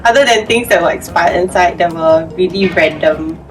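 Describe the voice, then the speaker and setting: A food bank staff member reminisces casually during an interview, her voice fairly low and her speed normal. The mic sits slightly distant, with background music playing underneath.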